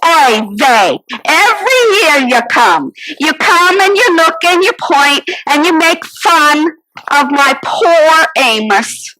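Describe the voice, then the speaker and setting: This is a woman's first-person character monologue: a fretful, business-minded innkeeper's wife grumbling theatrically, with sighs and exclamations. Her high voice is very animated yet slow, sharp-toned and exaggerated, captured in a rough recording.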